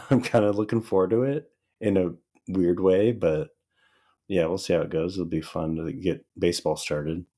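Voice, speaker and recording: A man in his thirties co-hosting a casual podcast, his voice a little raspy and dry from a recent loss of voice, telling stories with easy laughs. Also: low voice, moderate pace. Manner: relaxed storytelling, laughing often. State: hoarse, recovering voice. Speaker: podcast co-host. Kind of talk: casual chat.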